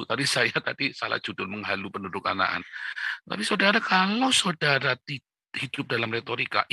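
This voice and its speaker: A middle-aged man preaching a morning devotional, blunt and forceful, often asking his listeners "right?". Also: medium pitch, husky, no room sound. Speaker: pastor.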